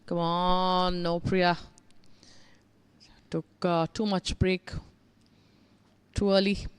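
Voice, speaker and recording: Slow, unhurried golf commentator. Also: mid-range voice, level tone, clean tone. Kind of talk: live golf tournament commentary.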